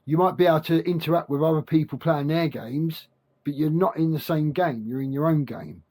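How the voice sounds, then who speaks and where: Toothless, gummy-voiced man rambling, higher-pitched. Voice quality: toothless, gummy articulation with soft consonants. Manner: halting, repetitive, self-questioning, informal. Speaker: self-help video creator. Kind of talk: rambling spiritual monologue to camera.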